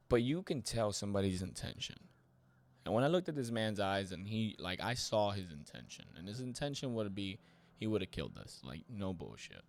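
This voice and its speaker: A man hosting his own podcast, telling life stories in a loose, animated way, swearing and dropping slangy asides. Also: fairly low pitch, gravelly. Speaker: podcast host. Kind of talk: casual personal storytelling monologue.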